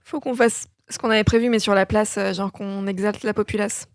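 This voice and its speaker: A woman's voice: medium pitch, steady tone, a little fast, dry recording, clean studio sound. A woman chatting casually as a player in a tabletop role-playing game.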